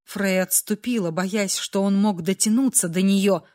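A woman narrating a dramatic audiobook in a measured, expressive way. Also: mid-range voice.

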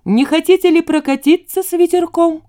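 A woman's voice: extremely high pitch, steady tone, moderate pace, mellow, pitched above the performer's own voice. A woman doing a jaunty boastful young car thief. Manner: jaunty, coaxing.

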